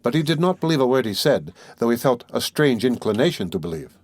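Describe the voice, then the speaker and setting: Casting: male audiobook narrator, steady and measured, mid-pitched, dry close sound. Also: no echo. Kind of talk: scripted narration.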